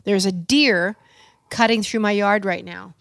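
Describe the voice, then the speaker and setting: A woman's voice: mid-range voice, steady tone, unhurried, gravelly, fairly bright tone, no room sound. A Canadian woman co-hosting a podcast from her home kitchen, chatting casually and telling stories with playful asides. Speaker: podcast co-host. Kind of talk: casual chat.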